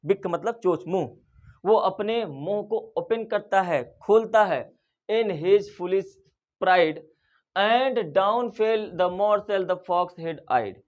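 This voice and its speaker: A male teacher explaining an English poem line by line, reading the English lines slowly with an Indian accent and asking the class rhetorical questions. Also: high-pitched.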